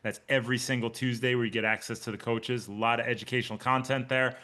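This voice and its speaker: Casual 40s coach guy on a video call, upbeat and chatty, bright forceful voice. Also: mid-range voice, little pitch movement, fast. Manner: upbeat, chatty, addresses listeners by name. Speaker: triathlon coach and podcast host. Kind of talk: casual live call with team.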